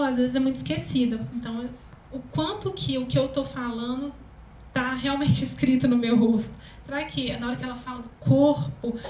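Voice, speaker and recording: A woman with a Brazilian Portuguese accent and a very high, thin voice gives a chatty talk as a communication consultant, with many fillers. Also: darkish tone. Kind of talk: public talk to an audience. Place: event hall, live audience. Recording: echoey room, faint ambient noise.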